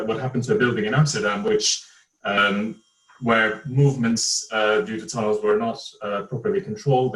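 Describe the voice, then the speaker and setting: A man's voice: lowish voice, a bit bright, echoey room, recorded from a distance, poor audio. A man from Turkey, an engineer, giving an online presentation on a video call, hesitant with many fillers and restarts. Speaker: engineer, panel speaker.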